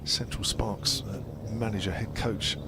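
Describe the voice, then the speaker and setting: A man giving ball-by-ball cricket commentary from a commentary box at a quiet ground, calling each delivery in steady detail. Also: on the low side, a little slow. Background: aircraft noise overhead.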